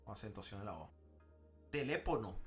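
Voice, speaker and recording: An eager co-host in a relaxed podcast, asking questions and sometimes rushing ahead. Soft music plays faintly underneath. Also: mid-range voice. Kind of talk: casual podcast chat.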